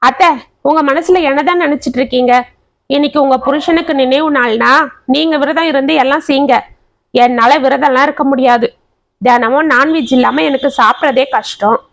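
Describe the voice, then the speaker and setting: A woman's voice: sits high, moderate pace. A woman voicing a scornful, quarrelsome young wife. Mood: indignant. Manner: scornful, shouting, insulting. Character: sharp-tongued young wife, quarrelsome daughter-in-law.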